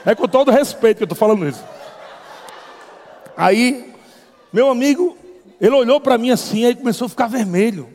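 A man telling a lively testimony as a preacher, acting out voices and laughing often. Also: very high-pitched, moderate pace, pauses often. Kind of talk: testimony sermon storytelling. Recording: long hall reverb.

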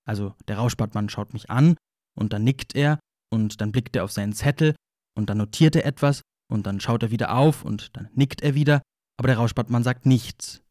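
In an audio play monologue of ironic first-person storytelling, a man plays a wry, wounded narrator who confesses in a rambling, repetitive, musing way. His natural, mid-range voice has a dark tone and normal speed. The studio-quality recording has no room sound.

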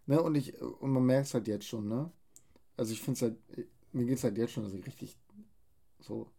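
A man, trading crude jokes in casual banter as a podcast co-host, with deadpan, mumbled asides. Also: mid-range voice, normal speed, creaky.

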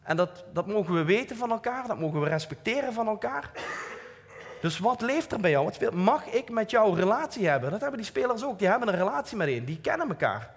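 Earnest high-voiced man preaching in a church hall. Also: very animated, fast, breathy edge. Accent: Dutch, Limburg. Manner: earnest, plain-spoken, with light self-mocking asides. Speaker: lay preacher. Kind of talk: informal church talk. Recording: long hall reverb.

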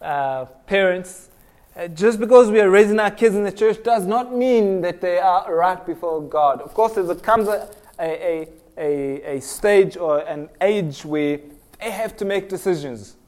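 Young male preacher from Kenya, earnest sermon delivery, repeats lines for emphasis, voice a touch high. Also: a little slow, a little mellow. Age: young adult. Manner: earnest, repeats phrases for emphasis, frequent restarts.

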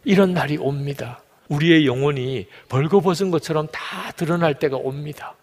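A man's voice: on the high side, normal speed, in a large hall. A male pastor preaching a sermon in a church, emphatic and full of rhetorical questions.

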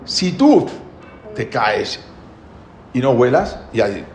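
A man's voice: medium pitch, sing-song, takes it slowly, a little mellow, a little hiss or hum. A man voicing a grown male eagle who firmly challenges a young one. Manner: firm, questioning. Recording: echoey room.

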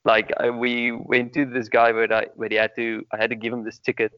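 A man's voice: medium pitch, monotone, brisk, smooth, dry recording. A young man from South Africa with a South African accent, a guest in a casual interview, earnest and repetitive with many ums. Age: young adult. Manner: earnest, repeats words, many ums and extremely. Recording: dry, dull lo-fi sound.

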